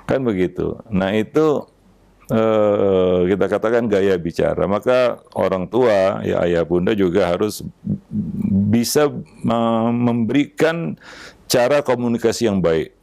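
A man with an Indonesian accent delivers a religious talk on parenting in a low, gravelly voice. He speaks slowly and evenly, pausing often with a quiet filler between phrases. The sound is close and dry. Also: no echo. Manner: unhurried, measured, frequent filler "ya" between phrases. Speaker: Islamic preacher.

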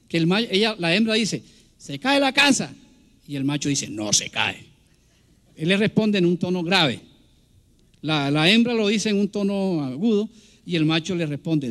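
Male biologist, high-pitched, explains slides in a patient, hesitant lecture style. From Colombia. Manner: explanatory, halting with fillers and restarts. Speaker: biologist guest speaker. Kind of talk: public science lecture with slides. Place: large public event hall.

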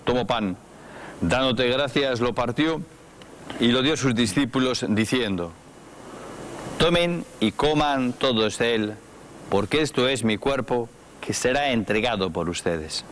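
A man leading Mass as the priest, reciting the liturgical prayers in a solemn, measured way in a small chapel. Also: medium pitch, lively intonation, slight background noise. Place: small chapel studio with brick wall.

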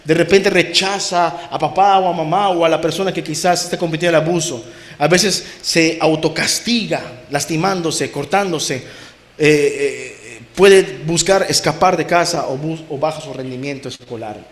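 A man's voice: on the high side, normal speed. Impassioned male preacher in a roomy space. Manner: impassioned, swings from soft to loud emphasis. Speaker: pastor. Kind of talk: sermon. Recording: roomy echo.

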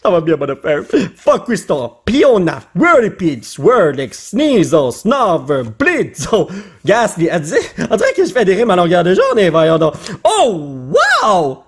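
Excitable Quebec French man, high husky voice. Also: unhurried. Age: adult father. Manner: excitable, jokey, drops English slang. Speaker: YouTuber opening card packs. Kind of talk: casual pack-opening commentary.

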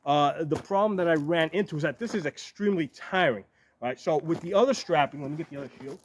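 A man in his forties, a medieval combat fighter, shows off shields outdoors on a gravel yard near woods, talking to a camera a few metres off. His casual walkthrough goes step by step with frequent "right?" and "okay?" check-ins. He talks fast in a voice on the high side, and the outdoor camera audio is noisy.

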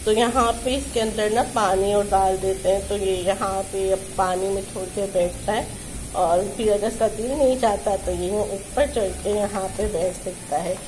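Rain pours outside the window as a thirties-aged vlogger with a sore throat films her home on a handheld phone, chatting to viewers and laughing a lot. She speaks at normal speed in a steady, medium-pitched voice, and the recording carries loud rain noise.

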